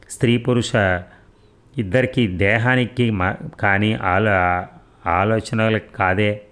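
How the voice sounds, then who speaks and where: A man narrating a short story in a slow, deliberate reading voice with dramatic pauses. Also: fairly low pitch, fairly bright tone.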